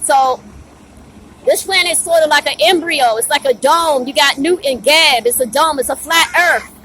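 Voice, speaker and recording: A high-voiced woman preaches a fiery, profane rant straight to camera. She stands outside at a bus stop, with faint street traffic under her voice. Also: moderate pace, bright, forceful tone, poor audio. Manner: fiery, preachy, profane, drops rhetorical "right?" often. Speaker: vlogger. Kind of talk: blunt outdoor rant to camera.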